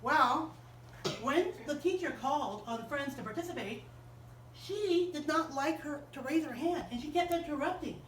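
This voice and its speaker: Speaking at normal speed, a woman animatedly tells a story to children in a chapel, her high voice frequently posing questions to them. She's recorded from a distance in a reverberant space with faint ambience and slight hiss or hum.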